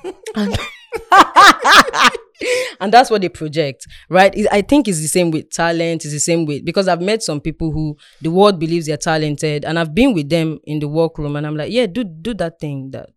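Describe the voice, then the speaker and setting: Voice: mid-range voice, normal speed, darkish tone, clean tone, no room sound. This is a chatty podcast co-host who works as a stylist. The voice sits mid-range and is recorded dry and close, with no room sound. The host laughs a lot and acts out little quoted exchanges. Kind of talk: casual chat.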